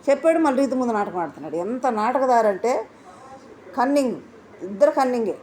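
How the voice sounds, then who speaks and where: A woman's voice: on the high side, mellow, a little hiss or hum. A woman giving opinionated commentary as a reality show reviewer. She sounds indignant, fires off rhetorical questions and repeats her points for emphasis.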